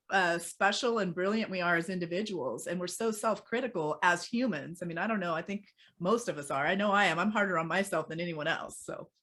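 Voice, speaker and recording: A woman's voice: medium pitch, a bit bright. Woman guest telling stories on a call. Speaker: podcast guest. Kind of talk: casual interview conversation. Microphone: video call.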